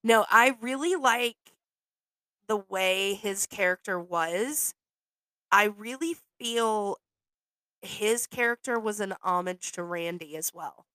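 A woman's voice: mid-range voice, takes it slowly, sharp tone, clear, resonant tone, no room sound. A woman co-hosting a podcast, chatting casually and with enthusiasm. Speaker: podcast co-host. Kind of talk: casual chat.

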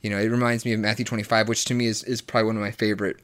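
A man in his late twenties, a guest in a casual conversation, talks very fast in a lowish, level voice. He rambles, keeps restarting his words and throws in sarcastic asides.

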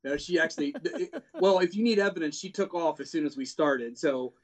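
A man's voice: fairly high pitch, fairly quick. A man co-hosting a sports podcast, chatting casually in informal, colloquial buddy talk. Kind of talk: casual chat.

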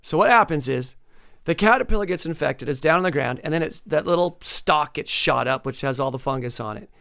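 A man's voice: fairly high pitch, lively intonation, brisk, vocal fry, a bit bright, clear, resonant tone. A man hosting a casual radio show, eagerly explaining science facts with frequent restarts and laughs. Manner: enthusiastic explainer with lots of restarts, laughs often. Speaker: radio show host answering listener questions about science.

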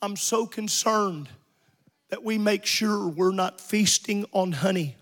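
A middle-aged man, a pastor, preaching an evening sermon, building to shouts with quick asides. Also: high-pitched, long reverb tail. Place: church sanctuary.

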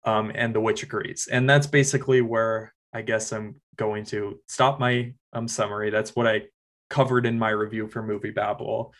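A man co-hosting a podcast as a film critic, earnestly enthusiastic and halting with fillers. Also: fairly low pitch, little pitch movement, a bit bright. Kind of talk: casual film review chat.

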